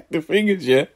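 A man's voice: mid-range voice, gravelly, a little mellow, breathy edge. A man, giving teasing, incredulous casual comic commentary over music. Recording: background music.

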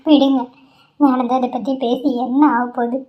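A woman's voice: high voice, flat delivery, moderate pace, lightly acted. A woman voicing an anxious middle-aged village wife in a cartoon, earnestly explaining what happened. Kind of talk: Tamil cartoon voice acting. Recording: dull lo-fi audio.

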